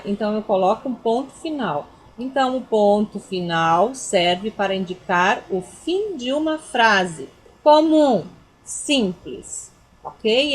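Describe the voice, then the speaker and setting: A woman with a Brazilian Portuguese accent, a teacher giving a recorded grammar lesson for children, explaining patiently, repeating herself and pointing things out. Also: fairly high pitch.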